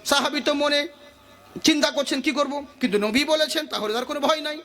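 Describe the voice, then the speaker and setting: A man's voice: very high voice, fairly even intonation, bright, forceful tone. A man preaching an Islamic sermon at speed, breaking into chanted rhymes and verses, talking into a microphone. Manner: rapid sing-song preaching with chanted verses. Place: outdoor religious gathering with PA mic.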